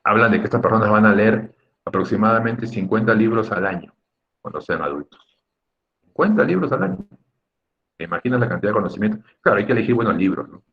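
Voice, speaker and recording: In a lo-fi recording, a man with a lowish, gravelly voice teaches students the accent rules of Spanish. He is emphatic and didactic, repeating key words and checking in with short tag questions.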